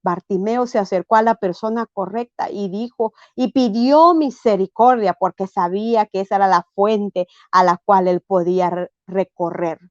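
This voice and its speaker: A woman's voice: medium pitch, moderate pace, few pauses, dry recording, dull audio. A woman preaching a sermon, often asking her listeners "right?" and acting out the voices of people in the story. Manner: preaching with frequent tag questions and dramatized quotes.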